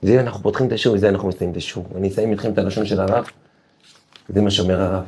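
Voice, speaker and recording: A deep, steady, warm voice with a slight roughness belongs to a rabbi teaching his weekly class. His emphatic Torah lesson turns into sermon-like exhortation as he tells stories, asks rhetorical questions and climbs to fervent heights.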